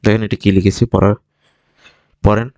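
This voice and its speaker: Man, Bengali first language, vocabulary teacher, patient, repeats each word, low voice, dry close sound. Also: flat delivery, brisk, darkish tone, dry recording. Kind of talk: vocabulary lesson, explaining words.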